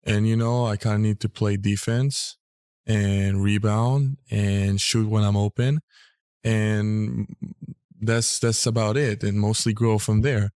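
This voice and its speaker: A young man from Israel, a guest in a casual interview, speaking in a relaxed way with many fillers. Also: fairly low pitch, slow pace, clear, resonant tone, no echo, clean studio sound. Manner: relaxed, filler-heavy speech. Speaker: guest athlete.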